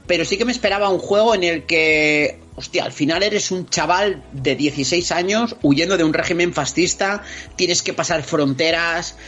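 A man's voice: fairly high pitch, moderate pace. A man with a Spain Spanish accent, chatting on a podcast as a guest and acting out scenes with vivid interjections. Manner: expressive storyteller, acts out scenes with interjections. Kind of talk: casual podcast chat. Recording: slightly dull lo-fi audio, faint music behind.

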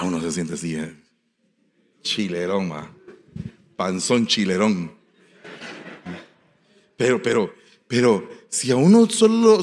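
A man with a Guatemalan Spanish accent preaching as a pastor, telling folksy stories in an animated way, swinging between soft asides and loud exclamations. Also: mid-range voice. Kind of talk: storytelling sermon. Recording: long hall reverb.

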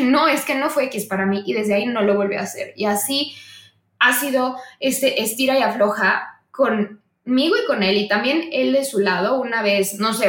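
A woman's voice: on the high side, echoey room. A woman with a Mexican accent, a podcast guest telling stories in casual conversation and acting out her own dialogue.

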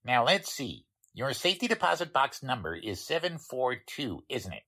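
In a 1940s-style radio drama, a man plays a plain-spoken bank attendant who is chatty and deferential. His mid-range voice is rough-edged and husky, with very animated intonation at a moderate pace in a full character voice.

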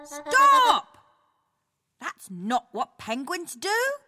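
A woman voicing a strict group of penguins who scold in a children's story, giving sharp commands. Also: high voice, wildly swooping pitch, takes it slowly, breathy edge, big-room sound, soft background music, exaggerated voice.

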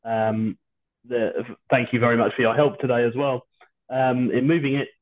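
A low-quality stream carries the thin, narrow voice of a British man. He hosts a podcast in a loose, chatty way, hesitating and rambling with dry humour. It sounds like a video call made from home without a proper microphone. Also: flat delivery, moderate pace. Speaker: podcast host. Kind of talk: casual chat. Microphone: video call without his usual microphone.

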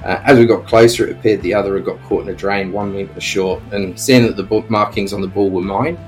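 A man's voice: fairly low pitch, steady tone, a little fast, soft background music. Australian man leaving a casual voicemail. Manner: casual, hesitant with many ums and uhs. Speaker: caller.

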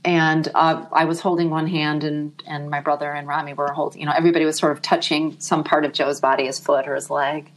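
Woman, middle-aged, low voice, soft-spoken, reflective, emotional interview guest. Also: flat delivery, fairly quick, hardly any pauses.

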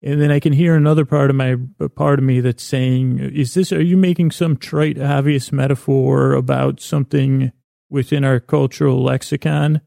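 A podcast host with a creaky voice rambles through a halting bedtime monologue, repeating himself and tripping over words in a whimsical, self-deprecating way. His medium-pitched voice is warm with little pitch movement, captured in studio quality with no room sound.

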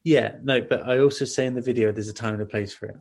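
A man as a podcast guest, telling long stories in an animated way with many restarts and asides. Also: medium pitch, fast talker, creaky. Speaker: guest, outdoor cooking video maker. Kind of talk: casual podcast interview.

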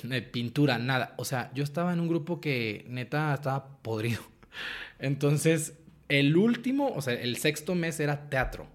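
A young man with a Mexican Spanish accent, a guest writer and actor telling stories in a casual interview, animated and often laughing. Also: on the high side, unhurried.

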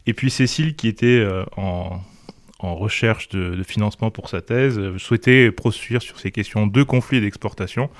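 A man's voice: lowish voice, normal speed, no room sound, clean studio sound. A man, a researcher, answering interview questions with frequent fillers. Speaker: guest researcher.

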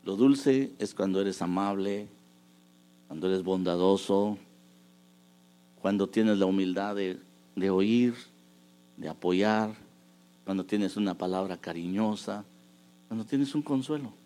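A man preaching a sermon, moving between hushed asides and loud, emphatic bursts. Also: low voice, takes it slowly, long pauses.

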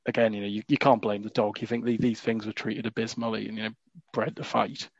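A man's voice: on the low side, flat delivery, fast talker, no echo. A man hosting a podcast in casual, jokey chat, full of asides and fillers. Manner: chatty, jokey, frequent "you know" fillers. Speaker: podcast host. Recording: dull lo-fi dry recording.

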